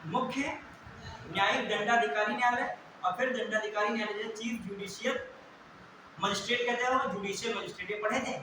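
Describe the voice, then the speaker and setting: Echoey high-voiced male teacher quizzing students. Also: steady tone, brisk. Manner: quizzing students, answering own questions. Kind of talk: classroom lecture with recall questions. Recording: very echoey room, distant mic, clear hiss.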